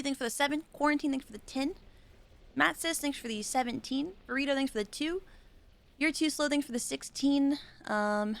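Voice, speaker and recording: A woman's voice: high voice, vocal fry, fairly bright tone. Chatty young woman streaming a game. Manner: chatty, thanks viewers one by one, filler-heavy. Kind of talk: casual live-stream chat.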